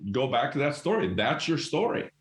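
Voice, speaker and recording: A man's voice: on the high side, sing-song, normal speed, echoey room. A middle-aged man, a guest leadership coach, talking emphatically and animatedly in casual conversation, acting out quoted voices. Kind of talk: passionate conversational storytelling.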